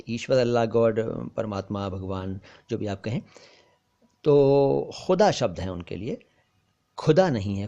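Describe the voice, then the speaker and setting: A man teaching a pronunciation lesson, explaining words carefully and repeating them slowly so the contrast is clear. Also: medium pitch, a little mellow, dull audio. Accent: Hindustani with careful Urdu pronunciation. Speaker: language teacher.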